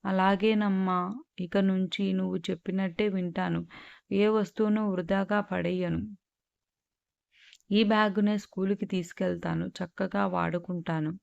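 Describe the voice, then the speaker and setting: A woman's voice: mid-range voice, little pitch movement, normal speed, creaky, a little mellow, dry recording, muffled recording. A woman voicing a stubborn, demanding young schoolgirl in a read-aloud story, with a pouty, insistent tone. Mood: contrite.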